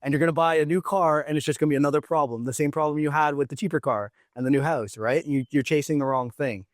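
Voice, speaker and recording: Animated storytelling man, bright-leaning voice. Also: on the high side, fast, no echo, clean studio sound. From Canada. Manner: animated, emotional storytelling, acts out quotes. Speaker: podcast guest. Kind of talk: casual podcast conversation.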